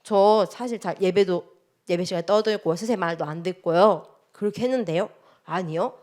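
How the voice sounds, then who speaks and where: A woman teaching a children's sermon, telling a story and asking the children many questions in a lively, expressive way. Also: lowish voice, normal speed.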